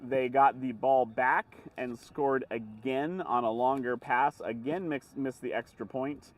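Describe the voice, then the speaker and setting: A man's voice: medium pitch, measured pace, far from the mic. A man giving explanatory live sports commentary in long, running sentences. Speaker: color commentator.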